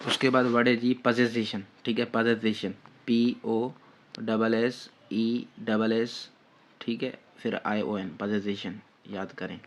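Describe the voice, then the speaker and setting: A man's voice: on the low side, steady tone. A man with a Pakistani Urdu accent giving a spelling lesson, dictating words letter by letter and repeating "theek hai" often. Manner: slow, repetitive dictation with frequent "theek hai" fillers. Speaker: test-prep teacher.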